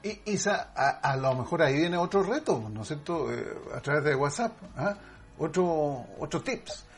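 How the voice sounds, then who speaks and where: A man's voice: fairly high pitch, lively intonation, normal speed, soft background music. A man who hosts the show, chatty and upbeat, asking his guest leading questions. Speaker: host. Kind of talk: talk show interview.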